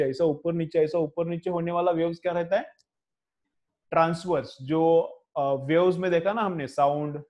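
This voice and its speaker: A man with an Indian English accent gives a classroom physics lecture, his voice sitting a little higher than most men's. He dictates headings word by word and keeps asking the class questions, then answers them himself. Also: a little mellow. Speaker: physics teacher.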